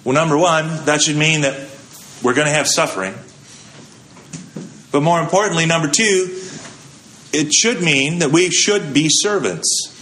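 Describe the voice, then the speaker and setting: A man's voice: fairly high pitch, unhurried, pauses often, a bit bright, a little hiss or hum. A male pastor giving a sermon in a conversational way, asking the congregation questions and answering them. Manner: conversational preaching with rhetorical questions.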